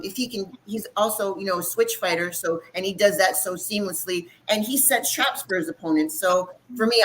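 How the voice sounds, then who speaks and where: Bright-voiced woman analyzing fights, noisy background. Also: medium pitch. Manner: informal, checks in with "right" and "you know". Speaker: former boxer, panelist.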